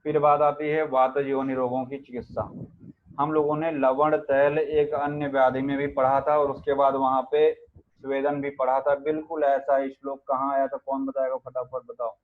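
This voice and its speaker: Man, Ayurveda lecturer, flat delivery, thin phone-like sound, recites Sanskrit verses, quizzes the class. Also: mid-range voice, normal speed, a little hiss or hum. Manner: chants Sanskrit verses, quizzes students with rhetorical questions.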